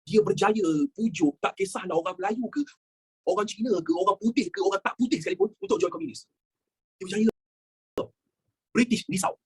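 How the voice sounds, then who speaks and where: A fast-talking young man teaching history with a Malaysian Malay accent. His voice is high and slightly husky. He explains to his class with lively energy, mixing in English phrases and acting out quotes. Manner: animated, mixes English phrases, acts out quotes.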